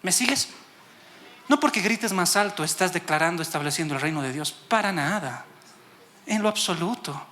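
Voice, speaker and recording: Bright-voiced preacher. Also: male voice, high voice, normal speed, slight background noise. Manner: animated preaching with frequent rhetorical questions to the congregation; laughs while telling stories. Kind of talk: sermon.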